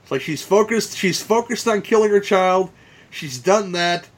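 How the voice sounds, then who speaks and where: A man's voice: sits high, normal speed. A man co-hosting a podcast, chatting casually about films, swearing and laughing as he recounts scenes. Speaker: podcast co-host. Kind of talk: casual film review chat.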